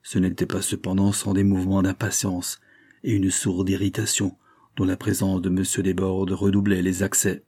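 A man's voice: completely flat delivery, moderate pace, warm tone, husky. A man reading a classic novel aloud, lifting his voice for the characters' dialogue. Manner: voices characters' dialogue with raised pitch and force. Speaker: audiobook reader.

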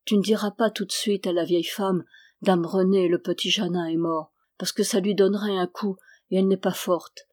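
A woman reading aloud, voicing a young fisherman who speaks softly and serenely. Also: medium pitch, steady tone, normal speed, close to an everyday voice. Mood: gentle. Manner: soft, serene, timid. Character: young fisherman, calm and gentle facing death.

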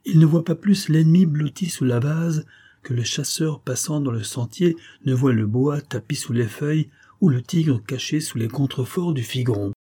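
Man reading an old doom-saying sorcerer, husky and mellow, solemn. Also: a little high, normal speed, pitched above the performer's own voice. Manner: solemn, prophetic warnings.

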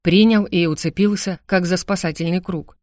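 Brief: female audiobook narrator, low voice, dry close sound, intense first-person reading. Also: fairly even intonation, moderate pace, a little mellow, no room sound.

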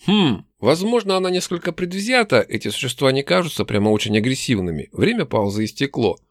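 A man narrating a first-person fantasy audiobook with wry, lively storytelling. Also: medium pitch, quick pace, no room sound, studio quality.

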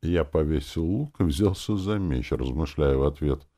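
A man narrating a fantasy audiobook in the first person, wry and expressive. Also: very deep voice, normal speed.

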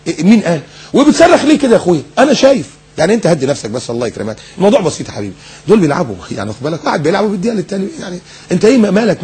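Husky fast-talking Egyptian preacher. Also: male voice, on the high side. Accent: Egyptian Arabic. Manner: animated, mocking, rhetorical questions, mimics others. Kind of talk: recorded sermon lecture.

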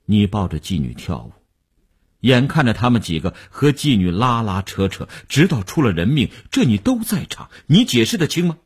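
A shrewd middle-aged businessman in a radio story, played by a man. His voice is very deep and husky, and he talks in a slow, low, weighty way. His pitch climbs and falls widely as he presses his point. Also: very animated, exaggerated voice. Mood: persuasive.

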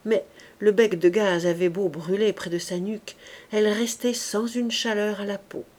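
A woman narrating a classic novel as an audiobook, with measured, even storytelling. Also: mid-range voice. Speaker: audiobook reader.

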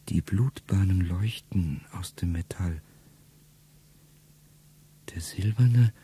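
A middle-aged man performs a first-person radio play monologue, his voice warm with a breathy edge. He speaks low and intimately, often sinking to a whisper.

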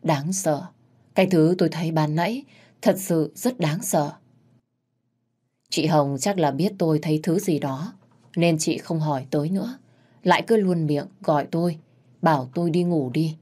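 A woman telling a scripted horror story in a measured, suspenseful way. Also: sits low, mellow, slightly rough.

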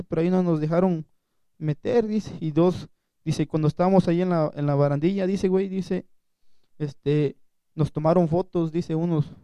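A young man with a Mexican accent gives a personal testimony to a gathering. He retells events through quoted back-and-forth and halting restarts. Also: fairly high pitch, warm tone, clean tone, no echo. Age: young adult. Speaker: student survivor giving testimony. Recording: dull lo-fi recording.

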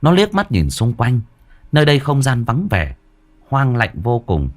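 A man narrating a ghost story in a dramatic, expressive way. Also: medium pitch, measured pace.

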